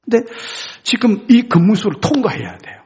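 A male pastor preaches with a raspy, gravelly voice. His pitch swings widely as he tells the story in a lively, chatty way. The recording is dull and lo-fi. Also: moderate pace. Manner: animated, conversational retelling. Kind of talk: sermon storytelling.

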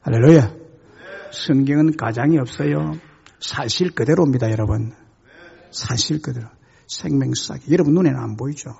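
Gravelly, husky male pastor preaching. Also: medium pitch, moderate pace, dark tone, muffled recording. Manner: dramatic storytelling with sudden emphatic swings. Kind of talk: sermon.

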